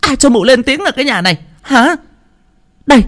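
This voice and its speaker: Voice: high-pitched, animated, moderate pace, a bit bright, pitched above the performer's own voice. A storyteller voicing a spiteful, bullying older mother-in-law who screeches scolding insults. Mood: furious.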